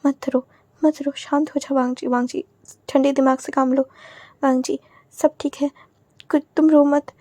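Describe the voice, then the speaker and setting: A woman voicing a gentle, protective young man who speaks softly and soothingly. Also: high-pitched, fairly even intonation, a little slow, pauses often, no room sound. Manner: soft, soothing, firm when needed.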